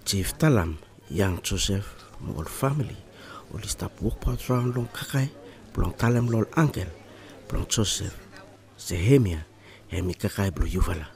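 A man's voice: sits low, lively intonation, moderate pace, vocal fry, darkish tone. A man with a ni-Vanuatu accent giving scripted documentary narration in Melanesian pidgin, much like Solomon Islands Pidgin. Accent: ni-Vanuatu Bislama, Melanesian pidgin similar to Solomon Islands Pidgin.

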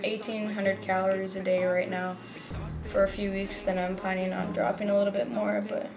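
A fitness vlogger in her twenties chats casually to her phone camera, held at arm's length, sounding a bit self-conscious. Her voice is mid-range, level, and moderately paced, with music in the background. She moves through rooms at home, a gym room, and a parked car.

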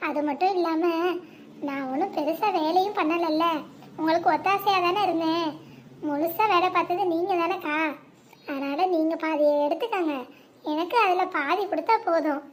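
Someone doing a squeaky meek cartoon village girl, humble and soft-spoken. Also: moderate pace, slight background noise. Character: humble grateful young village woman.

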